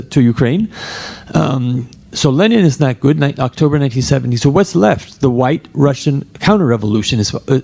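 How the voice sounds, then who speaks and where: A man's voice: mid-range voice, creaky, dark tone. A man speaking as a scholar on a panel discussion, emphatic and argumentative, often restarting his sentences.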